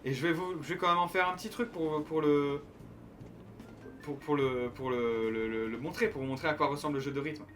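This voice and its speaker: With a fairly high pitch and a fairly quick delivery, the young French gamer chats casually with his audience, his tone a bit bright. The talk is joking, meandering gameplay commentary full of restarts, set against light music from the game.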